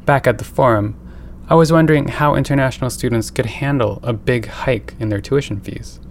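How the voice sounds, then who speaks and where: A man reporting and narrating a scripted news feature in a measured, even reading. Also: mid-range voice, creaky, slight background noise. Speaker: radio reporter.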